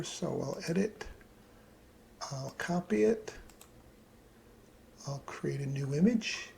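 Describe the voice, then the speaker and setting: A hobbyist presenter with a fairly high, gravelly voice narrates a casual tutorial, thinking aloud as he works at his computer. Steady background noise and keyboard clicks can be heard.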